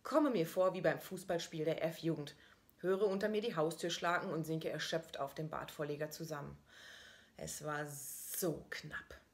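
A woman's voice: sits low, fairly even intonation, normal speed. A woman reading her own first-person diary-style story aloud in a dry, ironic manner.

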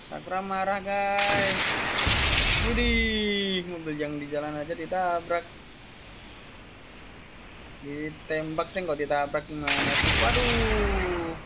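A man giving excited, exclamation-filled commentary over a game, repeating his lines often. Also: on the high side, slow pace, long pauses, very noisy. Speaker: gaming YouTuber.

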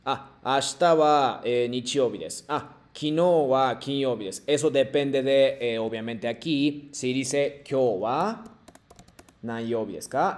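A man's voice: medium pitch, a little mellow. Patient man teaching Japanese. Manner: patient, repeats and models phrases for students. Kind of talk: online language class, mixing Spanish and Japanese.

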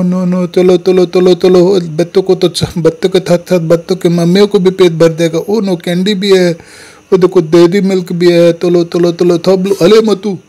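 A man narrates toy play in a childlike, lisping manner, repeating short calls again and again. His voice sits high but stays flat in its melody, with a dark, mellow tone. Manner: repeats "look, look" and "come on" constantly, childlike lisping speech.

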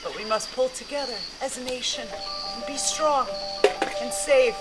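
A woman's voice: high-pitched, loud music behind the voice, lightly acted, rough recording. A middle-aged woman playing a self-important, overwrought TV storm reporter in a spoof live weather report, stretching her words for drama. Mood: solemn, mournful. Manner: overwrought, drawn-out dramatic emphasis. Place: outdoors at night on rainy driveway. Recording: rain noise outdoors, camera mic. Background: rain falling.

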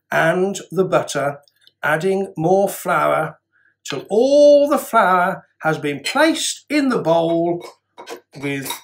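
A middle-aged man playing a pompous King Henry VIII as a cookery demonstrator, with archaic, deliberate phrasing and dramatic pauses, recorded in a room from a distance. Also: high-pitched, exaggerated voice. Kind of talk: mock-Tudor cookery demonstration to camera. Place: indoor room with cloth backdrop. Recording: roomy, distant camera microphone.

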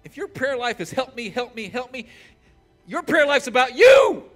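A male pastor in his forties preaching with a high, ringing voice. He pushes hard on his points and then drops to a hushed tone to pray. Faint music sits underneath him on the church stage. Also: big pitch swings, normal speed. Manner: impassioned, swings from shouting to hushed prayer. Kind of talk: sermon.

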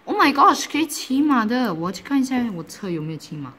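A woman's voice: medium pitch, fast talker, a little hiss or hum. Giggly woman. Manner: giggly, excitable, mixes in English exclamations. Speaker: gaming YouTuber. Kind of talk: casual game commentary.

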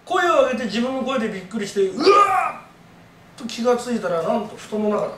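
A man's voice: sits high, racing, heavy background noise. A man telling a ghost story live on stage in a dramatic way, acting out the voices of the people in it. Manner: dramatic, acts out voices and gasps. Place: live event venue. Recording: echoey room from far off.

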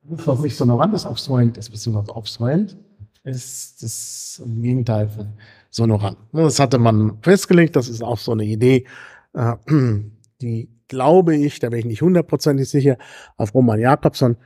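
Dark-voiced German lecturer clearing throat. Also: male voice, mid-range voice, lively intonation, a little slow, no room sound, studio quality. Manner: frequent fillers, throat-clearing and self-corrections; tag questions ("ne?") to students. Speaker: university lecturer. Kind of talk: university lecture.

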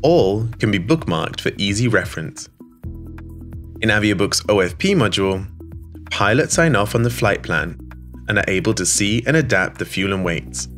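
A man with a slightly low voice narrates a scripted promo in an even, polished studio read. Soft music plays quietly behind him. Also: moderate pace. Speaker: voice-over narrator. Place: studio voice-over. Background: soft background music.

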